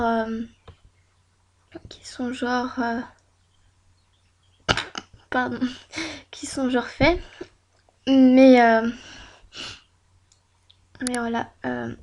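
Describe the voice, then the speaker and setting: A woman's voice: high voice, darkish tone, slight background noise. A woman YouTuber chatting casually over a screen recording at home, rambling with many fillers and self-mocking asides. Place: at home at her computer.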